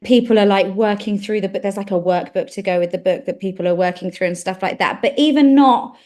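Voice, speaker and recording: A woman's voice: medium pitch, fast talker, a little mellow. A woman co-hosting a podcast, chatting casually and earnestly with frequent fillers and restarts. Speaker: podcast co-host. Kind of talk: casual chat.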